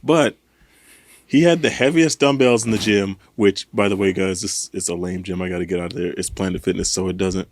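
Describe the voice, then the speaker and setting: A man's voice: low voice, brisk, a little hiss or hum. A man casually telling a story on a podcast, acting out what people said. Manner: animated storytelling, acts out quotes. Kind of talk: casual chat.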